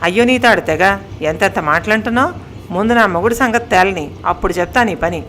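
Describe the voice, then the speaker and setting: A woman voicing a frantic, sharp-tongued middle-aged wife who scolds and wails loudly in a storybook tale. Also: fairly quick, a little hiss or hum, close to an everyday voice. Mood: scolding. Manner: loud, shrill scolding and wailing.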